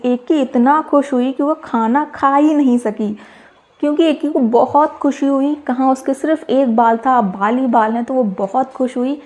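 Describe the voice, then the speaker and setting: Woman teacher, children's story reading, fairly high voice, patient explaining. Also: darkish tone. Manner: retells each line in simpler words, asks listeners questions.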